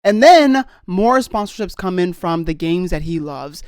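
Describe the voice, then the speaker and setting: A man's voice: high-pitched, expressive, unhurried, a little mellow, smooth, dry recording, clean studio sound. A man co-hosting a casual podcast, teasing his co-hosts and laughing easily. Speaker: podcast co-host.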